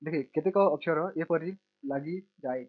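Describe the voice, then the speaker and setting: A man teaching children to read, sounding out each word slowly and repeating it, then adding quick explanations in between. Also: fairly high pitch. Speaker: language teacher. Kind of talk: slow word-by-word reading lesson. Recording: tinny phone-like audio.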